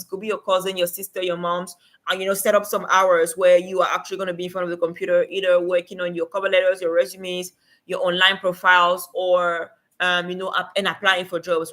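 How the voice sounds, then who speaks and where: A woman's voice: fairly low pitch, fairly bright tone. A woman from Cameroon hosting a casual livestream, giving remote work advice and chatting with viewers, with many fillers.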